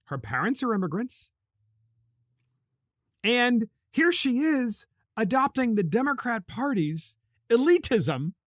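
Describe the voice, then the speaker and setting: Male political podcast host; high, animated delivery, indignant and emphatic; dry recording. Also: takes it slowly, long pauses, no room sound. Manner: emphatic, indignant, with sarcastic asides. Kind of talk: political commentary.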